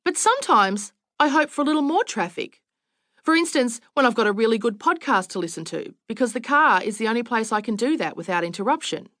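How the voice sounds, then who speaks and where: Aussie woman reading her own memoir, wry and self-mocking, bit higher voice, dead dry studio sound. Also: expressive, brisk, a bit bright, no echo. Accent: Australian. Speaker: author narrating her own audiobook. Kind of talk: audiobook memoir narration. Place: recording studio.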